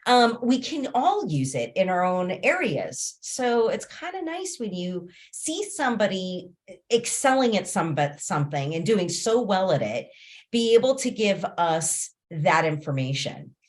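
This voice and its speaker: A woman's voice: mid-range voice, big pitch swings, a little slow. Woman hosting a casual video call. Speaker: host of an online realtor training call.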